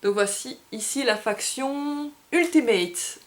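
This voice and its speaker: A woman with a high voice speaks at a slow pace while hosting a casual unboxing video for a game bar. She chats, hesitates, and corrects herself as she sorts through cards, in a roomy space with faint background noise.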